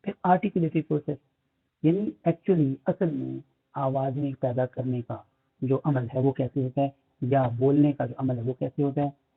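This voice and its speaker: A man with a Pakistani accent lectures on phonetics, mixing English terms into his explanations, using plenty of fillers and reading English lines slowly. His medium-pitched voice is husky with vocal fry, and the audio is tinny like a phone.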